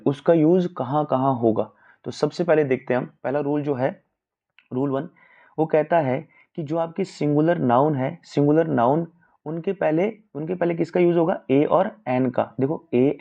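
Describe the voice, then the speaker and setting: Gravelly man teaching a grammar class. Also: on the high side. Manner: quizzing listeners with questions he answers himself. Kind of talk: exam-prep grammar lesson. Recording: dull lo-fi recording.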